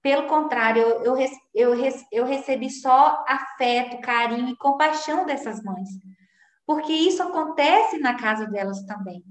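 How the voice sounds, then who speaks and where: A woman telling personal parenting stories in a candid, confessional and animated way. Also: sits high, normal speed, echoey room. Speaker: guest parenting speaker. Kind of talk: conversational storytelling.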